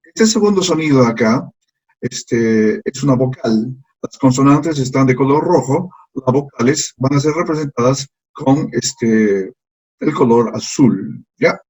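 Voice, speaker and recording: Male language teacher, husky mid-pitched voice, patient and methodical. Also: darkish tone, dull audio. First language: Spanish. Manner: slow, patient, repeats sounds for learners to copy. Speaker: English teacher. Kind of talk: slide lesson.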